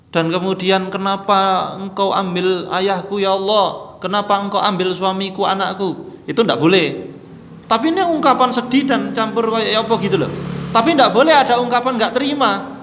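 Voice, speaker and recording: A man preaching in a religious study session with an East Javanese accent, lively and acting out quoted voices as he teaches. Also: high voice, big-room sound, slight background noise. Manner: animated, mixes Javanese with Indonesian, acts out quoted mourners.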